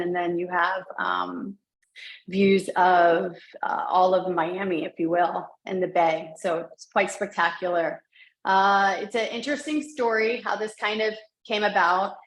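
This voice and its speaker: A woman real estate agent talks in an upbeat, chatty way as a guest on a remote call. Her voice sits mid-pitch. She is in a bare office, so every word rings out with a big hall-like echo. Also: a bit bright. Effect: strong room echo, like reverb in a big empty hall. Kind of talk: casual interview storytelling. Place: sparse, newly taken-over office. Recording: echoey reverberant room sound.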